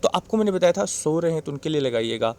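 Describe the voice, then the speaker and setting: Patient Indian teacher checking in often. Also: male voice, a little high, animated, quick pace, a little mellow. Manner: patient, repetitive, checks in with "right?". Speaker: English teacher. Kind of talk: classroom lesson explaining grammar.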